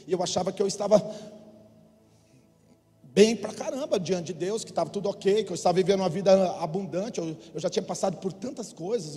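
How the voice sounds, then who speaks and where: A man's voice: sits high, dark tone. A middle-aged male pastor from Brazil preaching a sermon, leading the congregation in call-and-response. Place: church hall. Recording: long hall reverb.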